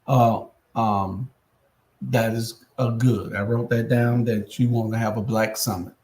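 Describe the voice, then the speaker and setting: A man's voice: mid-range voice, steady tone, measured pace, darkish tone. A man hosting a casual panel, moderating in informal, hesitant phrasing. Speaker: host and moderator. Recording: roomy echo.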